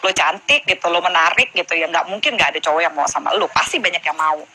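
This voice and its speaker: A fairly low, fast voice with a bright, forceful tone belongs to a mother of a teenage daughter who is a guest on a casual live stream chat. She speaks frankly, explains, and plays out dialogues between herself and her daughter. The audio is low quality, with a faint hiss or hum.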